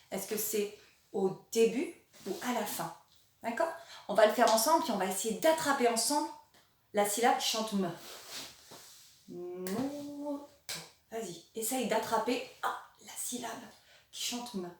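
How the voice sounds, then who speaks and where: A woman teaching small children, her voice fairly high and placed a little away from the mic. She speaks gently and encouragingly, spacing out her words carefully. A strong echo from the room surrounds everything she says. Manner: gentle, encouraging, slow and clearly articulated. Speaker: primary school teacher. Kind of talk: remote lesson for young children. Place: classroom or room with a board. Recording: very echoey room, voice from a distance.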